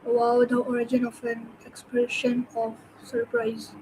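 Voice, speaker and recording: A woman asking questions in a casual chat, hesitant and halting, with many pauses. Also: on the high side, completely flat delivery, darkish tone, a little hiss or hum, poor audio.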